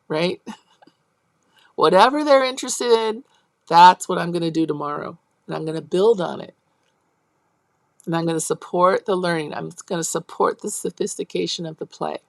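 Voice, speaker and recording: In a recording with no room sound, a woman instructor speaks at normal speed and pauses often during a college lecture on early childhood teaching. She goes step by step, checks in with her class, and acts out teacher and child lines in a high, animated voice.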